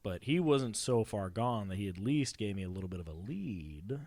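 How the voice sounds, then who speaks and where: A rambling young sailor, sweaty and excitable, played by a man, with a deep voice that swings around a lot. The tone is husky and a little rough. It sounds dry and close, in a comedy audio drama. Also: moderate pace, dry recording. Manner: breathless rambling storytelling. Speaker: sailor telling a story.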